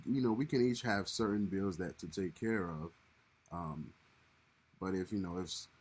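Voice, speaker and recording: This Haitian co-host of a married couple's livestream has a lowish, darkish, slightly rough voice. He's young, and as he chats casually with his wife he rambles, restarting sentences and repeating himself.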